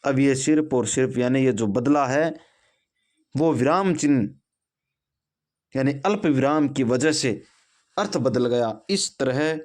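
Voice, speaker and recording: A man gives a classroom-style grammar lesson at an unhurried pace. His voice sits at an ordinary middle pitch, and he talks his students through each point with example sentences. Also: darkish tone. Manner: slow, deliberate explaining with example sentences. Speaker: Hindi grammar teacher.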